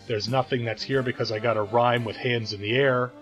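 A man's voice: medium pitch, fairly even intonation, a little fast, fairly bright tone, soft background music. A man co-hosting a podcast, talking through an album thoughtfully with many restarts and fillers. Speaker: podcast co-host. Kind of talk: casual album discussion.

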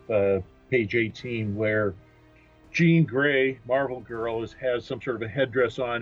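A man's voice: mid-range voice, fairly bright tone, muffled recording. A man co-hosting a comics podcast, carefully recounting details with many fillers. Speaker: podcast co-host. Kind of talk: casual chat about comics.

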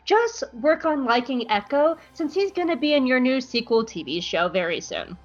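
A woman voicing a protective, fatherly male clone captain in a flat, sarcastic read, on dull muffled audio. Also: sits high, moderate pace.

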